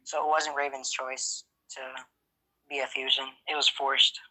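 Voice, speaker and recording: A man voicing a character in a game roleplay, talking in a halting, hesitant way full of fillers. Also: mid-range voice, flat delivery, pushed and bright, poor audio. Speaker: roleplay player.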